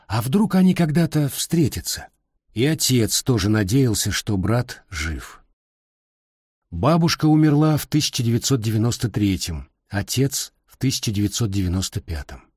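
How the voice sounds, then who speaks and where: Middle-aged male narrator, husky timbre, dry close mic, calm reflective memoir reading. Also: fairly low pitch, moderate pace, no echo. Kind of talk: reading a personal memoir aloud.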